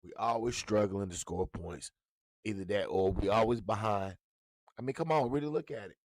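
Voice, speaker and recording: A man's voice: lowish voice, normal speed, no echo. A man giving a blunt, profane, heated rant as a sports commentator. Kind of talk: ranting sports talk.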